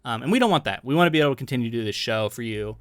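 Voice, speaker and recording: A man's voice: medium pitch, very fast, smooth, no room sound, clean studio sound. A man co-hosting a podcast, sounding a little congested, chatting casually with lots of ums and restarts. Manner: rambling, animated, frequent ums and restarts. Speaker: podcast co-host.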